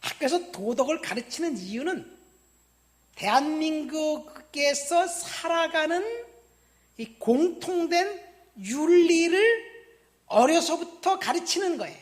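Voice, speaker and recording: A woman in her fifties, originally from Busan, delivers a sermon in a high-pitched voice. She hits key words with force, then drops to quiet, almost muttered asides. She keeps turning to the congregation with direct questions. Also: animated, takes it slowly. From Busan, South Korea. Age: 50s. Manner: emphatic preaching that swings between loud stresses and quiet, dropped asides. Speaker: pastor.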